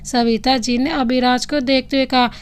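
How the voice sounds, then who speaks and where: A woman storyteller narrating a romance story in a steady, expressive reading voice. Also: high-pitched, moderate pace, clean tone.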